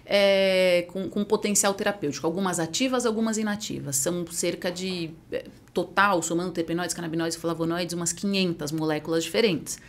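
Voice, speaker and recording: A woman answers interview questions in a lowish voice. She explains things step by step in a patient, informative way, with lively stress on key points. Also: a little fast. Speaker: guest, medical cannabis entrepreneur. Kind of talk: explanatory podcast interview talk.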